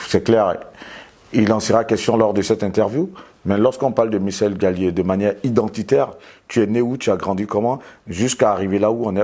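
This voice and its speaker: A man's voice: on the low side, warm tone, slightly rough. A man interviewing a guest in her home, asking probing follow-up questions in a casual, informal way. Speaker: interviewer for an online celebrity news channel.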